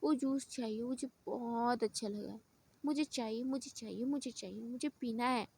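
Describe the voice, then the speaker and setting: A woman's voice: a little high, moderate pace, gravelly, a little mellow, a little hiss or hum, voice pushed down. A woman voicing a childish, stubborn young woman who whines and pleads. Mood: whiny. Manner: whining, pleading, fake crying.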